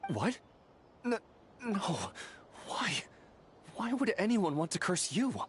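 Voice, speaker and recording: Earnest, highly animated worried comrade. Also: male voice, a little hiss or hum, heavily acted. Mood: alarmed. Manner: earnest, halting, expressive. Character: earnest, emotional master who frets over his comrade. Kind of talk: video game voice acting.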